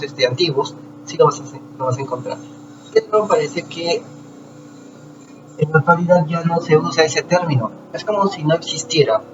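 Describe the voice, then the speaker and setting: A man talking to his viewers in a casual lecture, explaining slowly with rhetorical questions and frequent restarts. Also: a little high. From Peru. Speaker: channel host. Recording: distant lo-fi mic with noise.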